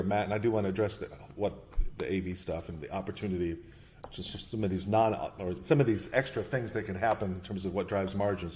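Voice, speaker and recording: An investment manager appears as a guest on a podcast, being interviewed about investing. He speaks in bursts, restarts often, and thinks aloud, with a fairly low-pitched, dark voice.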